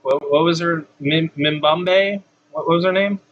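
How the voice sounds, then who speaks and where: Male podcast host, higher voice, stop-start delivery, tinny lo-fi webcam mic sound. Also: a little hiss or hum. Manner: halting, with many fillers and repeats. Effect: tinny webcam mic, like talking into a tin can. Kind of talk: casual podcast chat. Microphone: built-in webcam mic.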